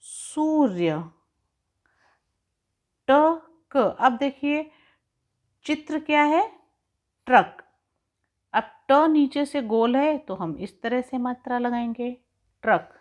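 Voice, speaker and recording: A woman teacher giving a recorded lesson to young pupils, slowly spelling out and stretching sounds to show how words are said. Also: high-pitched. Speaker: primary school teacher. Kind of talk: slow, carefully articulated recorded lesson. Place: home, recording an online class. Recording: dull lo-fi recording.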